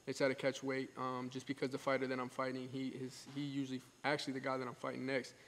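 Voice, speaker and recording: A man's voice: medium pitch, completely flat delivery, fast, fairly bright tone. An eighteen-year-old man, a boxer, chatting casually in an interview, confidently explaining things step by step and repeating phrases as he goes. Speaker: professional boxer being interviewed. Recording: echoey hall, faint background noise.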